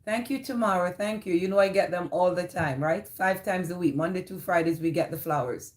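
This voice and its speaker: A woman with a Jamaican accent, her voice on the low side and brisk, hosts a casual livestream. She reads viewers' comments, responds to them, and greets people by name.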